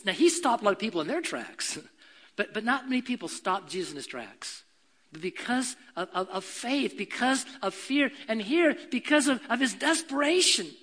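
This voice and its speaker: Animated preacher with lively pitch swings. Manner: animated, swings from loud exclamations to quiet low asides; repeats words and restarts phrases. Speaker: pastor. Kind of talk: sermon.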